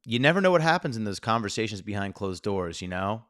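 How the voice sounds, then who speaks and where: Male podcast co-host, lowish voice, blunt and opinionated, dry close sound. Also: big pitch swings, fast talker, a bit bright, dry recording. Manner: blunt, opinionated, laid-back. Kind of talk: casual political chat.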